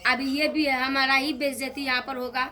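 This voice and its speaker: A woman's voice: high voice, little pitch movement, brisk, bright, forceful tone, soft background music. A woman telling her account plainly and complaining about the situation. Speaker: interviewee. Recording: crowd audible behind.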